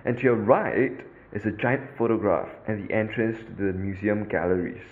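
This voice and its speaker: The narrator of this scripted audio tour is a podcast host with a Singaporean English accent, lively and instructive, with fillers here and there. He has a lowish voice at a normal pace, heard with phone-quality sound.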